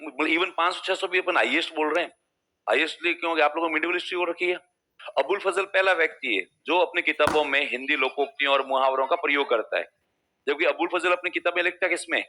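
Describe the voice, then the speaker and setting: Bright-voiced man teaching a lively class. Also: a little high. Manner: chatty storytelling, acts out local speech. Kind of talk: classroom lecture.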